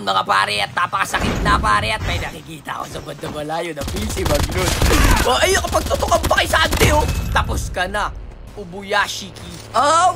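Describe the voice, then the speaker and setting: Excitable high-voiced gaming streamer man. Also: creaky. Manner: excitable, shouts often, slangy joking banter. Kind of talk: live gameplay commentary. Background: loud game music and gunfire.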